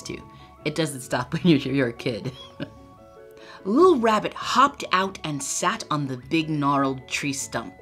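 In an indoor room lined with bookshelves, an older woman reads a children's story aloud on a webcam, expressive and pausing for asides to young listeners. Her voice is low with a fairly bright tone.

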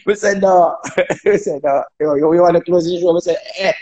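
A man with a Jamaican accent chatting on a phone livestream, telling animated stories, laughing and acting out dialogue. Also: sits high, normal speed, lo-fi sound. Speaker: dancehall artist on a live stream. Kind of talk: casual chat on a livestream.

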